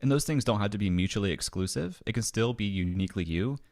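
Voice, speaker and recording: A man's voice: on the low side, lively intonation, fast, a little mellow, no room sound, clean studio sound. A man from the American Midwest, a podcast guest, chatting casually and animatedly, acting out little quoted dialogues. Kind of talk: casual interview chat. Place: home basement studio.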